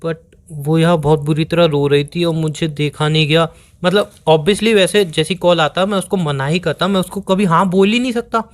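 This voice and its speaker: In a scripted recording of a couple's phone call, a man plays the boyfriend, rambling defensively and begging to be heard. He speaks at a normal speed in a voice on the high side.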